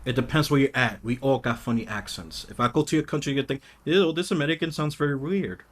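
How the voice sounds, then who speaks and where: A podcast guest talks casually and fast in a mid-range voice. He's blunt and outspoken, rambling with frequent restarts.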